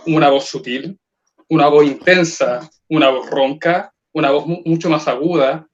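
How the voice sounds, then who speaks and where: Man lecturing on voice, lo-fi. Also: fairly high pitch. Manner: explanatory, lecturing with rhetorical questions. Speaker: voice trainer. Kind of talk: online seminar talk. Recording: dull lo-fi call audio.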